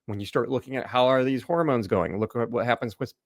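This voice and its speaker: A man's voice: mid-range voice, fast talker, no room sound, clean studio sound. A middle-aged man, a naturopathic doctor, explaining a slide presentation in a loose conversational way, with lots of fillers and restarts.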